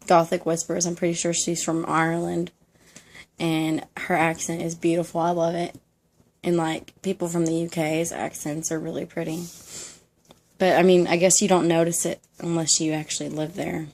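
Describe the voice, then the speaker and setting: A young woman vlogger from the Southern United States chats casually to camera in a room at home, a dog nearby. Her voice is lowish and a little mellow, with a Southern American accent. She rambles with plenty of ums and laughs often.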